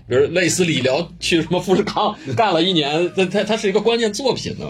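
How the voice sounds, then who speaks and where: A man's voice: high-pitched, expressive, fast. A man co-hosting a podcast, asking questions in casual, bantering conversation. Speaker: podcast co-host, interviewer. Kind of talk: casual interview chat. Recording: people chattering in the background.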